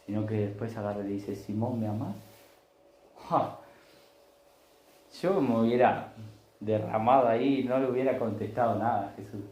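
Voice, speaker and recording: A man's voice: medium pitch, moderate pace, pauses often, a little mellow, echoey room, lo-fi sound. A man preaching a Sunday sermon, telling stories in a conversational way and acting out the voices in them. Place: church.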